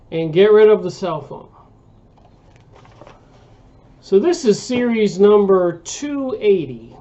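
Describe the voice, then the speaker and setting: High-pitched and a little mellow, this sixty-something American's voice comes through a muffled recording. He runs a book review channel and talks in a loose, rambling monologue, full of fillers and restarts.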